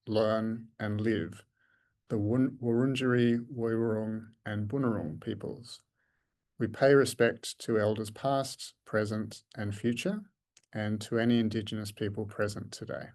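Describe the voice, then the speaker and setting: A man hosting an online session, giving a measured, formal, scripted welcome. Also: medium pitch, a little mellow. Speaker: host introducing the session.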